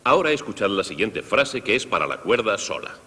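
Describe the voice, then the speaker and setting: Lively, low-voiced man explaining music in a hall. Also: brisk, husky. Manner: lively, explanatory, addressing children directly. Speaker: conductor presenting a concert for young people. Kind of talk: Spanish dub of a televised music lesson.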